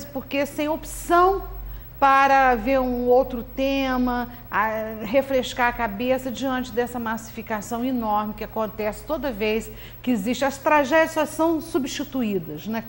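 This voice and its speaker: Earnest woman TV co-host. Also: sits high. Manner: earnest, reflective, measured, with frequent "né?". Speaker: TV talk show co-host, commentator. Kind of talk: TV talk show opinion segment. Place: local TV studio.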